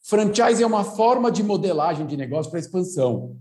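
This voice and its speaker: A fifty-year-old man from Brazil speaks as a podcast guest with a somewhat high yet dark, mellow voice. He explains patiently and didactically, circling back with fillers and restarts. His voice carries a noticeable room echo. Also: animated, brisk. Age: 50s. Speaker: consultant guest. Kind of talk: podcast interview. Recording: roomy echo.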